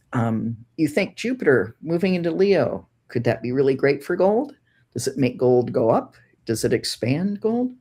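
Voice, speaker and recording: Mid-pitched, thoughtful astrology co-host. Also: darkish tone. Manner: thoughtful, explanatory, weighing both sides. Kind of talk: casual conversational astrology discussion.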